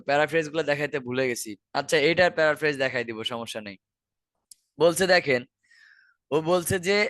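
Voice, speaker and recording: A man's voice: on the high side, fairly bright tone, clean tone, no room sound. Bangladeshi man teaching, repeating key words. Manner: explains step by step, repeats key words, asks rhetorical questions. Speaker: IELTS teacher. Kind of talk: online lesson explaining listening answers.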